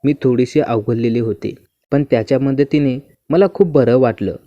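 A man reads a first-person story aloud in a smooth, even and unhurried manner. His voice is mellow and dark, at a medium pitch. The recording is dry and slightly muffled. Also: dry recording.

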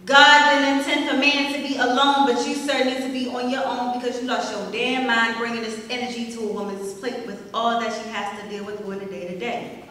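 A woman's voice: fairly high pitch, flat delivery, a little fast, sharp tone. A young woman performing spoken word poetry at an open mic, with a rhythmic, emphatic, confrontational delivery that builds to punch lines. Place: small arts center stage, indoors. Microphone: stand mic, filmed from the audience. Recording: echoey hall, voice from far off.

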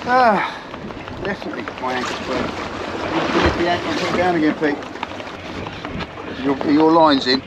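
A man's voice: fairly high pitch, moderate pace, long pauses. A man giving a chatty running commentary while fishing from a small boat at sea. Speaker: angler filming his boat trip. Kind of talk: casual chat while fishing. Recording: muffled outdoor camera audio, loud wind and water.

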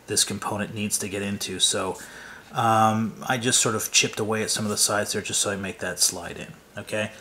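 In this hands-on build walkthrough, a man talks about his scale model from the workbench, off camera, rambling with lots of fillers and restarts. His lowish voice sounds pushed and bright, and there's slight background noise.

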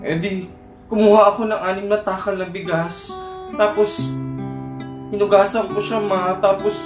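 A man's voice: high-pitched, level tone, moderate pace. Playful comic man, echoey room, music. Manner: playful, singsong apologizing to mother. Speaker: comedy sketch performer. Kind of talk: comic monologue and sketch.

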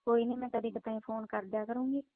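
Woman taking a call, fairly high voice, blunt and scolding, heard over a phone. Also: steady tone, fast, no echo. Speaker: call recipient. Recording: tinny phone line.

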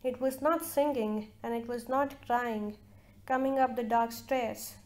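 A woman reading a literary short story aloud with slow, measured narration. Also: a little high, a little mellow. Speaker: reader.

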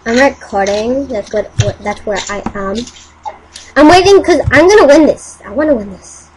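A woman giving casual, excitable commentary on her own gameplay, muttering to herself and breaking into silly sing-song chants. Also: fairly high pitch, moderate pace, rough recording. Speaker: gameplay channel host.

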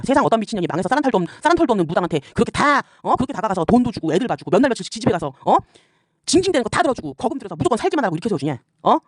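A woman scolding and swearing at her rivals in an angry rant, firing off rhetorical questions and tagging lines with a sharp "eh?". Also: mid-range voice, dry recording, studio quality. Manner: repeatedly tags lines with a sharp "eh?". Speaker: YouTuber addressing rivals.

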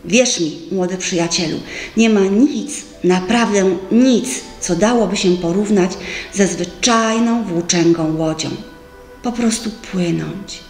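A woman's voice: medium pitch, a little slow, a little mellow, natural voice. A woman reading an audiobook and voicing a kindly, dreamy male water rat who talks with expansive enthusiasm. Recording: roomy with faint music.

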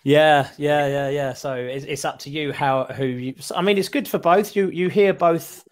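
A middle-aged British man with a slightly high voice gives a casual English conversation lesson over a headset on a video call from a small room. He chats in a relaxed way at a moderate pace, often restarting sentences by repeating a word.

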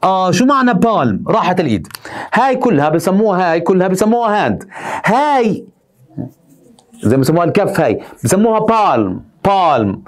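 A male English teacher drills vocabulary in a high, sing-song voice at a quick pace. He asks his own questions, answers them, and repeats the words.

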